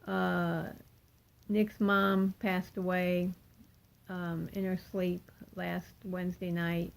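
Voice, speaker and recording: An older woman talking without her dentures, with soft toothless articulation, in a rambling, apologetic casual update to viewers as a craft vlogger. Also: on the low side, little pitch movement, slow pace, gravelly. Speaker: cross-stitch vlogger.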